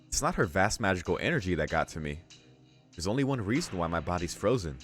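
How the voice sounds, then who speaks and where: A man hosting a let's read narrates visual novel text aloud, dropping casual reactions and sweary asides between lines. His voice is low, a bit bright and fast, with big pitch swings, and game music plays behind him.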